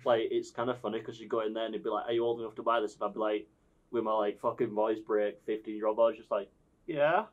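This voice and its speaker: A man's voice: lowish voice, completely flat delivery, fast, narrow, tinny audio. A British man chatting casually as a guest, hesitant and full of fillers. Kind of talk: casual chat.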